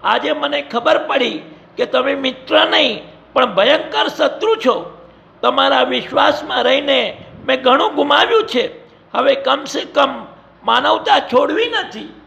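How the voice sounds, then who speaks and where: A man's voice: very high-pitched, expressive, a little slow, gravelly, pushed and bright, full character voice. Man voicing an earnest, betrayed ally. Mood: reproachful.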